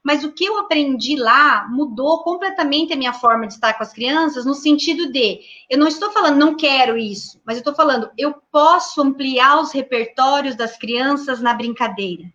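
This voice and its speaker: Bright high-voiced woman educator. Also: normal speed, few pauses, muffled recording. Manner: lively, acts out classroom dialogue. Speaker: guest speaker, early childhood educator. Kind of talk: animated talk in an online panel.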